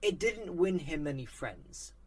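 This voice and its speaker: A narrator reading a spooky story aloud with a steady, even delivery. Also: mid-range voice, unhurried, husky.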